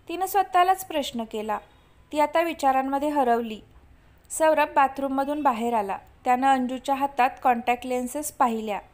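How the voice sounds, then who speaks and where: A woman reading a story aloud in a steady, measured way. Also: high-pitched. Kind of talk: scripted narration.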